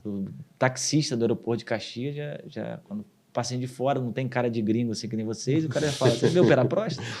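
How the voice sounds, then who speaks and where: Hardly pausing, a man with a medium-pitched voice talks quickly as a urologist guest on a casual podcast. The southern Brazilian surgeon is an animated storyteller who acts out quoted dialogue.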